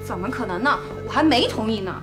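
A woman's voice: on the high side, lively intonation, fast talker, music in the background, natural voice. An actress playing a spirited young woman who scolds the men sharply. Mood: scolding. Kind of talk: TV drama acting.

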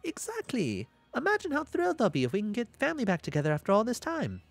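Man acting eager teen girl, video game dialogue, hammy amateur read-aloud, raised pitch, swooping intonation. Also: huge pitch swings, fast talker, vocal fry, no echo, faint music behind, full character voice. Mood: thrilled.

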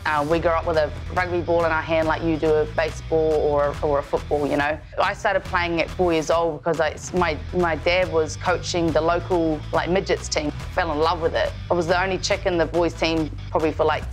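A woman's voice: deep voice, fairly even intonation, moderate pace, hardly any pauses, soft background music. A woman in her twenties with a New Zealand accent, talking casually and cheerfully in a documentary interview about her fighting career. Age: 20s. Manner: casual, upbeat, laughs easily. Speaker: MMA fighter.

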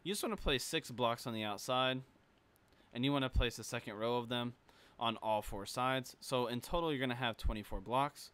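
This young gaming tutorial creator has a sore throat but still sounds clear and resonant, with a mid-range, slightly bright voice at normal speed. He rambles casually through a game-building tutorial, leaning on lots of fillers and restarts.

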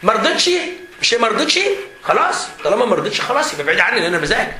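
A man with an Egyptian Arabic accent leading a seminar for students as their teacher, animated and joking, often laughing as he talks. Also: high-pitched, rapid-fire. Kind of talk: lively seminar talk to students. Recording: echoey hall with faint background noise.

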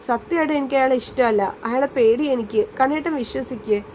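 A woman's voice: high voice, fairly quick, darkish tone, a little hiss or hum, close to an everyday voice. A woman reading a storybook voice of a timid young female college student who talks in a hesitant, faltering, pleading way.

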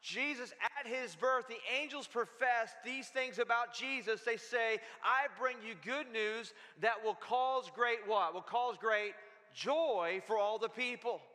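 A man preaching with a high, bright, forceful voice. He drives his sermon with energy and keeps turning to the congregation for answers. The sound rings out in a church sanctuary with a long reverb. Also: a little slow. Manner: energetic, calls out to the congregation for responses. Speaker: pastor.

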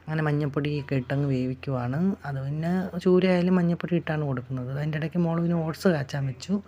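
A woman's voice: low voice, quick pace, dark tone, dull audio. Give me a middle-aged woman narrating a casual home vlog, chatty and explaining each step. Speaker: homemaker vlogger.

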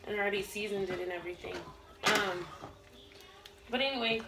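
The voice is a mid-range woman's, fairly quick, and the audio is very noisy. She's a cooking vlogger in her thirties telling a rambling story at home, full of fillers and restarts, as she cooks indoors. The kitchen sounds roomy, pans clatter, and the camera capturing her sits across the room.

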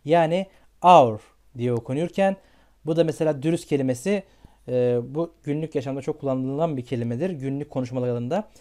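A man's voice: medium pitch, fairly quick, warm tone. A man teaching beginner English pronunciation, asking questions and checking in with his students again and again. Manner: repeats questions and checks with "tamam mı".

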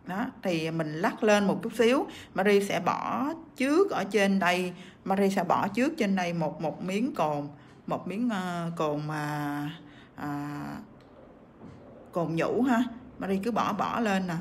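A woman's voice: lowish voice, lively intonation, slow pace, slight background noise. A woman with a cough teaching nail art on a livestream, chatting as she works and reading out viewer comments. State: sick with a cough.

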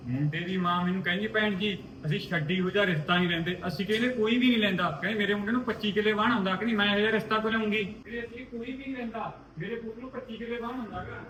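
A woman's voice: mid-range voice, fairly bright tone, lightly acted. An actress playing a worried middle-aged mother, hurriedly retelling how a marriage proposal was refused. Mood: aggrieved. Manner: rapid, aggrieved retelling. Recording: dull, distant audio with faint background noise.

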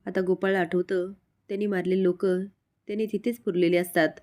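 A woman narrating a recap of a TV serial in a steady storytelling manner, voicing every character herself. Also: lowish voice, fairly quick.

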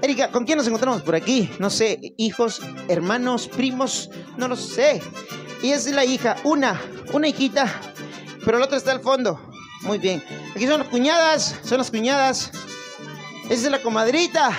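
A man works the crowd as a mariachi showman, teasing and joking between songs. Loud live mariachi music plays right behind him the whole time. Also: extremely high pitch, normal speed. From Peru. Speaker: mariachi singer. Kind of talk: live party hosting.

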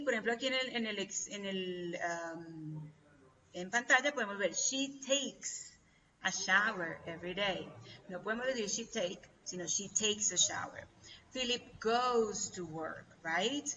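Woman, online teacher, unhurried, patient questioning, bright tone, dull lo-fi call audio. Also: mid-range voice. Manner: patient, keeps quizzing the students. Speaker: English teacher. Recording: distant, dull lo-fi call audio with faint hum.

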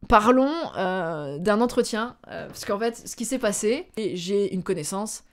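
A woman from France telling a personal story to her viewers in a casual, animated way, often pausing on filler sounds. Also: mid-range voice. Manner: chatty, animated, acts out dialogue; hesitant with frequent filler sounds. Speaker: vlogger.

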